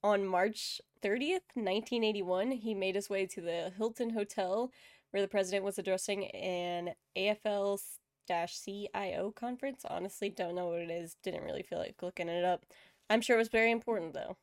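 A woman's voice: mid-range voice, normal speed, no echo, clean studio sound. A woman co-hosting a casual podcast over a call, joking and laughing often as she tells the story. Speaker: podcast co-host.

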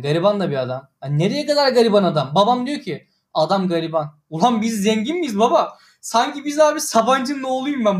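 Exasperated young man ranting on stream. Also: high voice. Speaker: livestreamer. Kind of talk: casual livestream rant.

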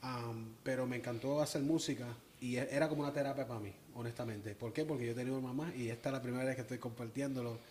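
A man's voice: medium pitch, fairly even intonation, quick pace, few pauses, a little mellow, slight background noise. A man from Springfield, Massachusetts, an interview guest who speaks earnestly and mixes in English words. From Springfield, Massachusetts, USA. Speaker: guest, music producer. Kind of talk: casual interview.

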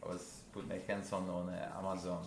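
A man with a Russian accent, a guest musician, talking casually in a halting way, searching for words with many fillers. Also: deep voice, completely flat delivery. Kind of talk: casual interview. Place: a friend's house. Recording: roomy with background noise.

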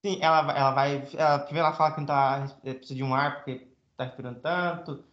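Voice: medium pitch, steady tone, fast, a bit bright. Voice in a roomy, dull recording. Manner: opinionated, explains at length. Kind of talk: casual film discussion.

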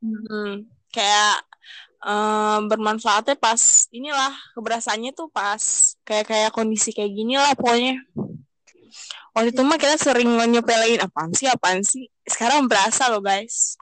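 Casting: young woman podcast co-host, Jakarta accent, slangy casual chat, fairly high voice, dry close sound. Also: steady tone, measured pace, a bit bright, no echo, low-quality recording. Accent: Jakarta Indonesian. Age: young adult.

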